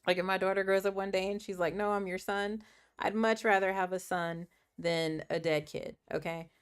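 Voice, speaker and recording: Croaky, chatty woman livestream host. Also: lowish voice. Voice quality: croaky morning voice. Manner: chatty, earnest, laughs often, thinks aloud. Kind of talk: casual chat while doing puzzles.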